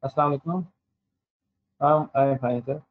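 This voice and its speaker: Halting man on a distorted, clipping mic. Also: fairly high pitch. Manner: hesitant, many fillers and restarts. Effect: distorted, clipping microphone. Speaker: webinar attendee asking a question. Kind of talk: halting question in an online session. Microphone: video call. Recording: dull, distorted online call audio.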